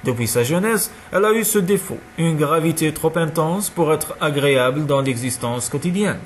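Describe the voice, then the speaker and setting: A man's voice: fairly high pitch, lively intonation, moderate pace, a little hiss or hum, natural voice. Guy reading a chubby easygoing old dad, lecturing lightly, voice bouncing around a lot. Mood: breezy lecturing. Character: jovial stout elderly father, dismissive.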